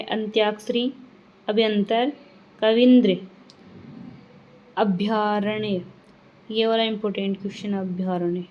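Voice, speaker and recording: A woman teaching a grammar lesson, reading words one by one and adding quick reminders to her students. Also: mid-range voice, darkish tone, muffled recording. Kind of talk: classroom lesson reading word lists.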